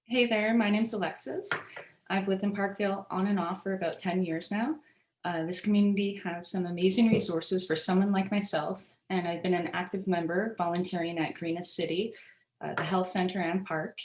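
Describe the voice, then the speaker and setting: A woman with a lowish voice speaks casually and personally, hesitating often as she goes. Her voice rings in an echoey room. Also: fairly even intonation, normal speed, a little mellow. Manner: casual, many ums and uhs. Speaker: board nominee. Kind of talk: personal candidate statement.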